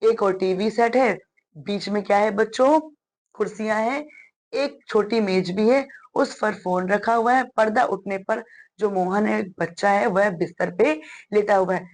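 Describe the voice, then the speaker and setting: A woman's voice: mid-range voice, measured pace. A woman teacher patiently explaining a one-act play to children and often addressing them directly.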